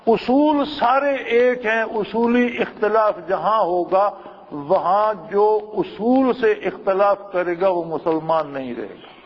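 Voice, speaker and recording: A man's voice: high voice, animated. A man giving a sermon, emphatic and full of rhetorical questions. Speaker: preacher. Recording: muffled with long hall reverb.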